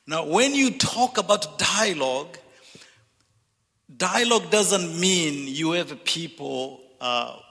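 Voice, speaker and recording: A man from Zambia giving an earnest, deliberate speech to a church audience, repeating words as he builds each point. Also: on the high side, lively intonation, vocal fry, a bit bright. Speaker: speaker at a church reconciliation event. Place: large church sanctuary. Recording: long hall reverb.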